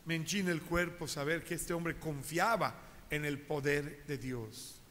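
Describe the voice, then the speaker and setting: A man's voice: a little high, measured pace, fairly bright tone, a little hiss or hum. A man preaching a sermon as pastor, telling stories animatedly and addressing his congregation directly, in a reverberant church hall.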